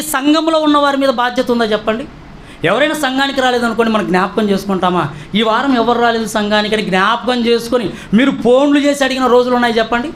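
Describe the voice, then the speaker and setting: A man's voice: very high-pitched, fairly bright tone, a little hiss or hum. A male pastor preaching a sermon, asking the congregation question after question.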